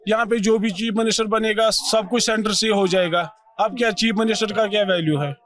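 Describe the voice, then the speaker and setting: A man's voice: high-pitched, fairly even intonation, fairly quick, fairly bright tone. A man in his thirties from Kashmir, insistently cutting in during a street interview. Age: 30s. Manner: insistent, cuts in.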